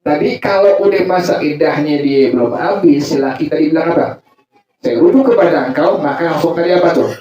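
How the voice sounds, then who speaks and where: A man's voice: a little high, brisk, dull audio. A man preaching a joking religious lecture, teasing the crowd and asking them to fill in answers. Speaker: Islamic preacher. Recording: echoey hall, far mic, loud crowd laughter. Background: loud crowd laughing.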